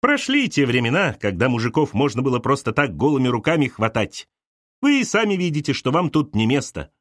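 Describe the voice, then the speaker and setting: A man's voice: medium pitch, very animated, brisk, fairly bright tone, no echo, studio quality. A man reading an audiobook voices a bossy, scornful little older woman who lectures sharply.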